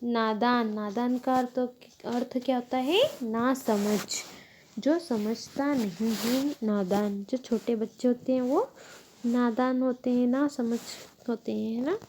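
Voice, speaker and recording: Woman teacher, patient step-by-step lesson voice, mellow tone, unhurried delivery. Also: on the high side, fairly even intonation, slight background noise. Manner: slow, patient, explains step by step, self-corrects. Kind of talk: Hindi grammar lesson.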